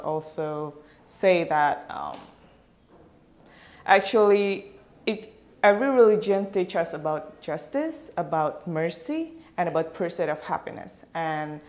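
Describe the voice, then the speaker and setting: A woman from Indonesia answering interview questions after a workshop, hesitant and full of fillers. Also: low-pitched. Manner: halting, many fillers. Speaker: workshop participant.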